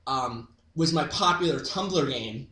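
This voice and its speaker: A man's voice: mid-range voice, expressive, a little slow, sharp tone. A man, a comedian guest, rambling in casual interview chat with lots of filler words. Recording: roomy echo.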